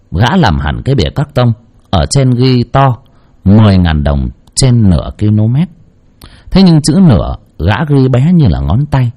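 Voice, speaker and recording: A man's voice: on the low side, dark tone, slightly rough. A man telling a story in dramatic, colloquial scripted narration.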